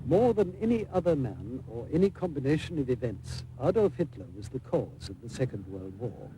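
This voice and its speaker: A man's voice: medium pitch, big pitch swings, normal speed, noisy background. A man reading scripted narration for a historical television documentary. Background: prominent music.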